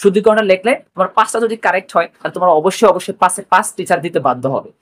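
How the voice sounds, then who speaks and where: A man's voice: high voice, fairly bright tone. A man with a Bangladeshi accent teaching an exam prep lesson, repeating key points and mixing in English words. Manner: rapid, repetitive, mixes English words.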